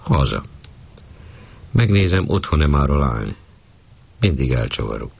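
A plain, good-natured chimney sweep in his thirties, as a male storyteller plays him, friendly and homely in every word. The voice is deep and gravelly, with a husky grain, spoken at an unhurried storybook pace. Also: sing-song, a little mellow, exaggerated voice. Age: 30s. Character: kindly 35-year-old chimney sweep, plain and steady.

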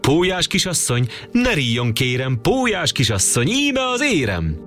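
A man's voice: a little high, big pitch swings, a bit bright, soft background music, pitched above the performer's own voice. A man voicing a playful, courtly old grandfather in a read-aloud storybook, talking in a teasing sing-song way. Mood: playful, gallant. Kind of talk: storybook reading.

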